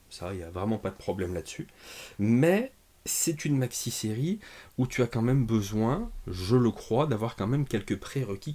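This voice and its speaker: A man hosts a laid-back comics review from his small home setup, full of asides, fillers and self-deprecating jokes. His voice sits on the low side with a husky grain. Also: warm tone. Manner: jokey, self-mocking, lots of fillers and asides. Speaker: comics reviewer, channel host. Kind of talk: casual video review. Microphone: camera mic in small home studio.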